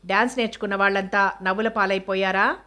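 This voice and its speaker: A woman reading the part of a proud, film-crazy mother who answers her daughters with sharp, indignant retorts. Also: medium pitch, fairly even intonation, fast talker, natural voice.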